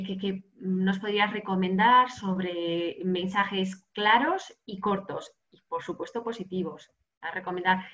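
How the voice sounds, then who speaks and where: A woman moderating a webinar, reading out audience questions with some hesitant fillers. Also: medium pitch. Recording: dull lo-fi webinar audio.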